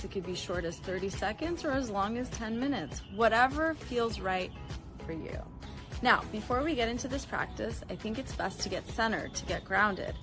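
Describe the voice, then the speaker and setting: A woman leading a guided gratitude practice with calm, encouraging breathing instructions. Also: mid-range voice. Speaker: wellness instructor.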